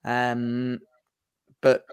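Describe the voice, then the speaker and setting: Measured man talking football. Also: medium pitch, completely flat delivery, smooth. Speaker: podcast guest. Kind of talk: casual football podcast chat.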